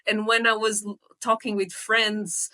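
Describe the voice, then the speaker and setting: A young woman from Portugal, a sales hiring expert, telling her story in a lively, conversational interview with many fillers. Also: medium pitch, measured pace. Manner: lively storytelling with frequent fillers and self-corrections.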